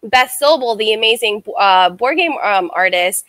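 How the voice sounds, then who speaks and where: A woman's voice: mid-range voice, lively intonation, normal speed, a bit bright, no echo. A woman from the United States, a guest streamer, telling stories casually in an interview and saying "like" often. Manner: chatty, heavy use of "like".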